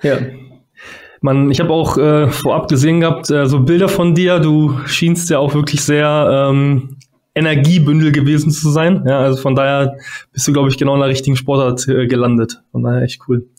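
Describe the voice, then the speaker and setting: A man's voice: medium pitch, level tone, normal speed, a little mellow. A man co-hosting a podcast over a video call, talking casually with many fillers and restarts. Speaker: podcast co-host. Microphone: podcast mic on a video call.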